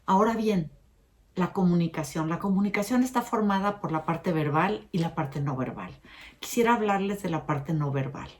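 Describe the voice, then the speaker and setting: Woman, low voice, expressive teaching talk. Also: normal speed. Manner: expressive, shifts pitch and pace to stress points. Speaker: educator presenting a short episode. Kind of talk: educational talk.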